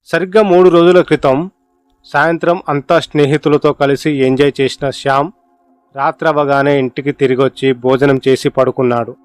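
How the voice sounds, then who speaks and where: A man narrating a horror story in an expressive, dramatic storytelling manner. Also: a little high, moderate pace, smooth. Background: faint music.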